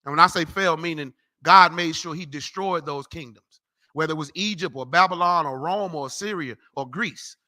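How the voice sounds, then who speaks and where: A brash preacher man with a high-pitched voice and sharp tone teaches a class at normal speed, delivering loud Bible teaching from a street corner. He's profane and mocking, never shy about telling people off.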